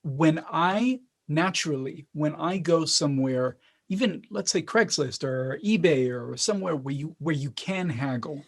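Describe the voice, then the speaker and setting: A middle-aged man from Israel hosting a casual interview, quick to jump in and restarting his questions as he goes. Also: on the high side, breathy edge. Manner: lively, repeats and restarts words when asking questions. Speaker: host.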